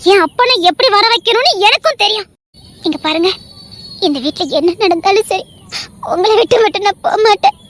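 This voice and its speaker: A woman voicing a fiercely devoted young wife who pleads in a tearful, vehement way. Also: extremely high pitch. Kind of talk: dramatic audio story acting.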